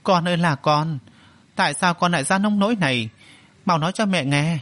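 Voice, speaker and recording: A man's voice: a little high, normal speed, fairly bright tone, dry recording, voice pushed up, natural voice. A man voicing an anxious, doting middle-aged mother in an audio story, in a pleading tone. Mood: distraught.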